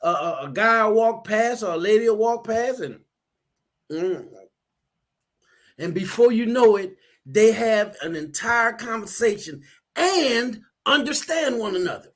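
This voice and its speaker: A man's voice: high-pitched, expressive, a little slow. A man talking earnestly and explaining his ideas, often restarting and repeating words. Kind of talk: casual discussion.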